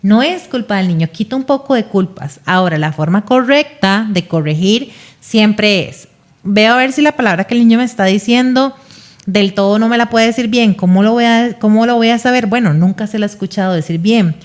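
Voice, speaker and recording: A woman's voice: medium pitch, a little fast. A woman speaking as a speech therapist guest on a podcast, explaining patiently and often checking in with "¿verdad?".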